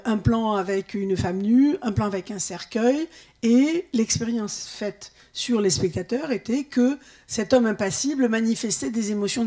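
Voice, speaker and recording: A woman's voice: medium pitch, dark tone. Female film scholar, average register, explaining a point spontaneously at an academic talk.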